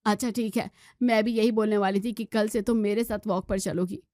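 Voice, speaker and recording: A woman voicing a scolding middle-aged mother-in-law who nags in a shrill voice. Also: fairly even intonation, fairly quick, mellow, no echo, studio quality, close to an everyday voice. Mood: irritated. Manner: shrill, nagging complaints.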